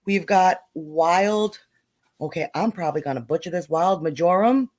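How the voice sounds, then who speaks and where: A woman with a New York accent hosts a casual live stream. She greets viewers one by one in an excitable, chatty way and laughs easily. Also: on the low side, normal speed. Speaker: host.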